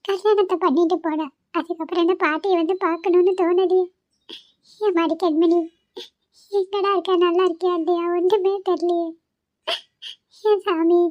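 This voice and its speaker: A woman's voice: high-pitched, fairly even intonation, fast, no room sound, muffled recording, close to an everyday voice. A woman voicing an old grandmother in a cartoon who longs to see her granddaughter and scolds her grown son. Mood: tearful longing. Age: older. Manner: scolding and pleading. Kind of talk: cartoon voice acting.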